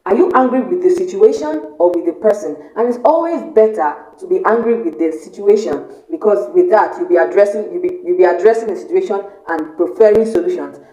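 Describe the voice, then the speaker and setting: A woman's voice: medium pitch, a little fast, hardly any pauses, dark tone. A woman hosting her own channel, giving earnest motivational advice to the viewer, asking rhetorical questions and repeating her key points. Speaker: motivational YouTube host. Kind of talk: motivational talk to camera. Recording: roomy echo.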